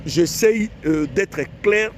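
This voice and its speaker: Man from Africa, fairly high voice, emphatic online monologue, repeats himself, rhetorical questions, faint outdoor noise. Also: takes it slowly. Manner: repetitive, exhorting, rhetorical questions. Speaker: online commentator.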